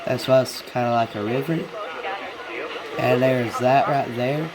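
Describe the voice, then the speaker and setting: A man's voice: mid-range voice, fairly even intonation, unhurried, a crowd in the background, rough recording. A man who is sick with a stuffed, congested nose gives a casual, hesitant, rambling walkthrough of a video game. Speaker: gamer giving a video game tour.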